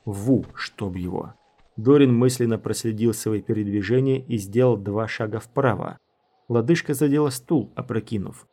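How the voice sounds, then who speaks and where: Man, audiobook narrator, scripted narration, steady, even, middle-pitched voice.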